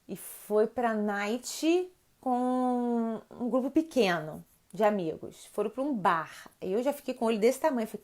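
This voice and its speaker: A woman in her forties with a Brazilian accent, a mother hosting a live stream about teenagers and chatting casually with viewers, acting out quoted dialogue as she tells stories. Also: fairly high pitch. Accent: Brazilian Portuguese. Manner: lively storyteller who acts out quoted dialogue.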